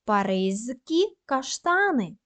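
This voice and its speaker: A woman teaching a primary school class, dictating slowly and carefully and praising the pupils often. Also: on the high side, big pitch swings, fairly bright tone. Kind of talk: recorded lesson for young pupils.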